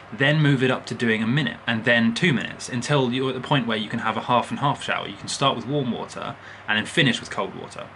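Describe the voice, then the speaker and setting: Bright-voiced young man vlogging casually. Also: medium pitch, a little hiss or hum. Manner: informal, explanatory, frequently checks in with "right?" and "okay?". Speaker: video host giving health advice. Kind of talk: casual direct-to-camera advice vlog. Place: small bedroom, indoors. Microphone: camera at arm's length on a desk.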